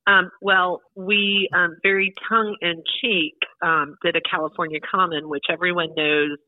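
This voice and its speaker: A woman's voice: fairly low pitch, flat delivery, measured pace, no room sound. A woman calls in to a radio show, and her voice comes through a thin, tinny phone line with no room sound around it. She talks in a chatty, explanatory way, like a guest laying out the details. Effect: heard over the phone. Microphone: telephone.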